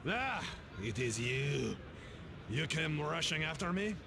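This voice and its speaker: An actor playing a pompous, formal gentleman with a deliberate manner in a video game. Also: fairly high pitch, big pitch swings, exaggerated voice. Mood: musing, self-important. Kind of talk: English video game voice acting. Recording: clearly noisy background.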